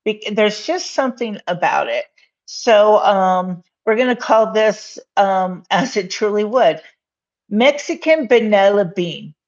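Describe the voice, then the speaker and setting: Livestreaming from her home kitchen, a woman in her fifties cooks while rambling, giggling and filling gaps with plenty of fillers. She speaks slowly in a slightly mellow, mid-range voice with lively intonation. The sound is dull and lo-fi, recorded on a phone propped on the counter.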